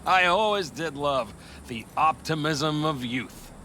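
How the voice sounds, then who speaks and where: Bright-voiced, wry older nomad man. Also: a little high, lively intonation, slow, slight background noise, exaggerated voice. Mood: wry, urging. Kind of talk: video game dialogue.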